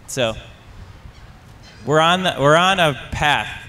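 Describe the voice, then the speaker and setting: A man's voice: a little high, expressive, slow pace, sharp tone, a little hiss or hum. A man from the audience at a public panel discussion, speaking casually and hesitantly, with frequent fillers.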